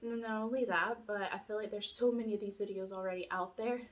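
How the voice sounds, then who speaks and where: A young woman vlogger, her nose stuffy from allergies, rambles through a casual pregnancy update with lots of fillers, her mid-range voice steady and quick. She sits in a small room at home, framed at chest height by a camera in front of her.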